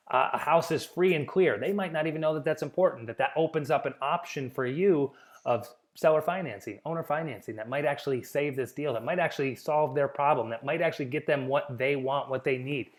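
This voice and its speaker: A man's voice: on the high side, brisk. A man giving an informal spoken lesson on negotiation, conversational, with frequent restarts and acted-out sample lines. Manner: conversational, repeats and restarts, acts out sample dialogue. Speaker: real estate negotiation teacher.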